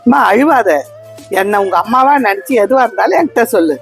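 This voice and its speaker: A woman's voice: on the high side, expressive, fairly quick, soft background music. A woman playing a kind stranger who soothes and coaxes a child in a comedy skit. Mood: gentle. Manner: soothing, coaxing.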